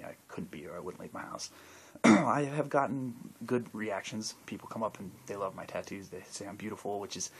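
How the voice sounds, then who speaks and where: A man's voice: on the low side, vocal fry, slight background noise. A man talking casually to camera, answering viewer questions in a rambling way with many restarts and fillers. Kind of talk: casual video monologue.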